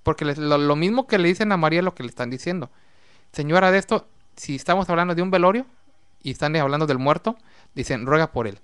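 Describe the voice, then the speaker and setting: A man's voice: a little high, quick pace, smooth. A man co-hosting a religious talk program, explaining at length with long lists and rhetorical questions. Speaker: co-host of a religious discussion program. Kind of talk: casual religious discussion.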